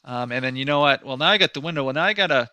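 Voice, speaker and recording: A man teaching a design class through a screen-recorded software tutorial. He thinks aloud in a loose, conversational way, with many fillers and restarts and a touch of sarcasm. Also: mid-range voice, very fast, smooth, no room sound, highs cut off. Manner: mildly sarcastic at times. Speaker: design instructor.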